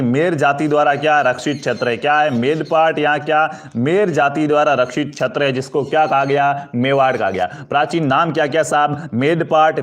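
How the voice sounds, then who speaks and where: A man teaching an exam-prep history lesson, asking questions and answering them himself while calling his students friends. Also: a little high. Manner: addresses students as friends, asks for comments and likes.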